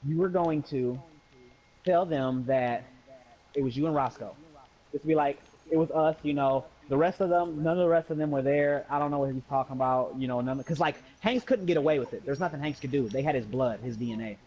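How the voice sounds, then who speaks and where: With a mid-range, slightly mellow voice, a young adult American man tells friends an anecdote a little fast, using slang and acting out each exchange. The recording is dull and lo-fi.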